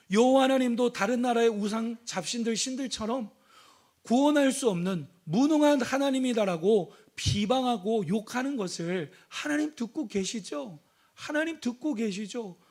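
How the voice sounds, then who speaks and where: A middle-aged man preaching a sermon in a high voice. He moves between loud, driving exhortation and quiet, close speech. He keeps asking his listeners questions and calling out hallelujah. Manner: asks the congregation questions and calls out hallelujah. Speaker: pastor.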